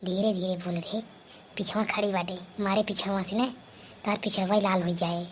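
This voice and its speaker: Speaking at a moderate pace in a level, medium-pitched voice, this woman performs a cartoon comedy script. She has an Awadhi accent and voices a young daughter-in-law who is put-upon, grumbles and mocks, against faint background noise.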